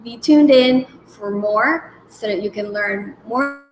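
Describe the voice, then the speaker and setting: Very slow-speaking woman teaching the alphabet. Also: mid-range voice, a little hiss or hum. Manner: repeats each word slowly, spelling out letters. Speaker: language segment host. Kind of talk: slow, careful alphabet lesson. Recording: echoey room with faint background ambience.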